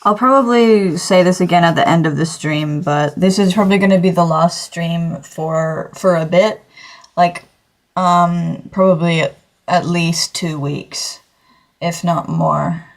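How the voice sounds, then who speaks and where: Slow, low-voiced teen girl. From Australia. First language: English. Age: teens. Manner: rambling, many fillers and self-corrections. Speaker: streamer. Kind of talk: casual livestream chat while drawing.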